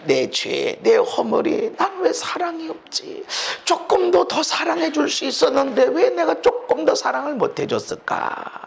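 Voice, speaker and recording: A male pastor preaching a passionate sermon, acting out inner voices and rising to shouts. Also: very high-pitched, very animated, unhurried, creaky, dull audio.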